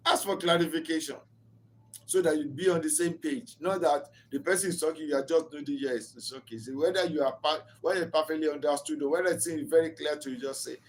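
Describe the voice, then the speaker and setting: A man's voice: a little high, steady tone, fast, slight background noise, low-quality recording. A man giving a motivational talk on relationships, earnest and instructive, repeating key phrases and asking rhetorical questions. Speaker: relationship speaker.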